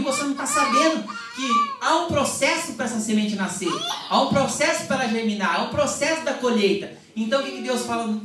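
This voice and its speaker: A woman with a Brazilian Portuguese accent preaching a sermon at a church service, telling stories lively and acting out the quoted dialogue. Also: a little high, noisy background. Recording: echoey hall, mic far off, congregation behind.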